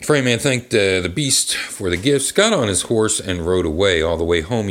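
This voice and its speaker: Rambling man reading a kids' book aloud. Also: low-pitched. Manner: rambling and crude, many fillers and asides. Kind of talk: comedic live book reading with commentary. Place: bar.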